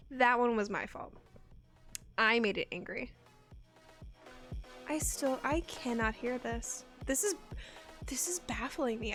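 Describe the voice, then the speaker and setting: A woman's voice: on the high side, fairly bright tone. A woman streamer in casual live-stream chat, chatty and self-mocking, laughing often and swearing casually.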